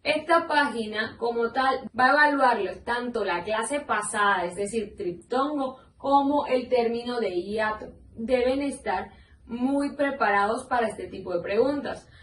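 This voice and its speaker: Woman teacher, fairly high voice, recorded a bit off-mic in an echoey room, patient step-by-step explainer. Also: unhurried, fairly bright tone, far from the mic, slight background noise. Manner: explains step by step, asking the class questions. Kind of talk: recorded online grammar lesson.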